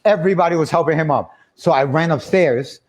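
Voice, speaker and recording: Animated high-voiced man telling a story. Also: fairly quick. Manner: animated, laughing, acting out quoted voices. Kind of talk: casual storytelling on a livestream.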